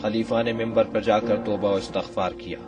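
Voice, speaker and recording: A man's voice: fairly low pitch, recorded from a distance, music in the background. A man narrating a historical drama in a formal, scripted way. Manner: even, formal.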